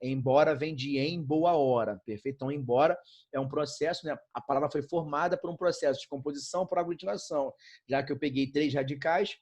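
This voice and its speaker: A man's voice: on the high side, quick pace, slightly rough. A Brazilian man teaching a grammar class, talking casually and checking in constantly with the students. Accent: Brazilian Portuguese. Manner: chatty, constant checks like "né?" and "show?". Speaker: Portuguese teacher. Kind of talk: recorded class lecture.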